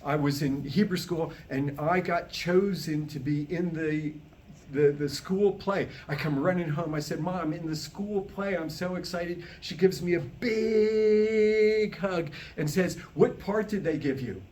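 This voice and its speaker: Standing at a podium on stage, a master of ceremonies in his 60s or older opens a show for a small live audience, joking, folksy and informal as he talks with them. He speaks at a measured pace in a voice that is a little high, with a darkish tone. Slight background noise is present.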